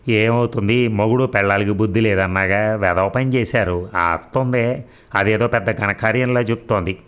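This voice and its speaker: A man voicing a short-tempered older male doctor who talks bluntly and loudly, scolding everyone around him. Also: on the low side, moderate pace, smooth, close to an everyday voice. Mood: irritated.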